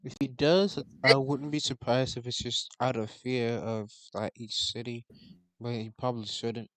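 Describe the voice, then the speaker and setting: A man with a smooth, clear voice commentates a strategy game live. The sound is dry and close, and he weighs each prediction carefully. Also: medium pitch, fairly even intonation, dry recording, rough recording. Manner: measured, cautious predictions. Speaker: esports commentator.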